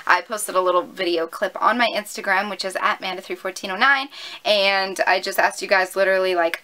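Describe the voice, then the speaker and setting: A woman's voice: mid-range voice, bright, forceful tone, rough recording. A woman of twenty-one, chatty and upbeat, answering viewer questions in a casual vlog filmed at home on a camera mic. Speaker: YouTuber.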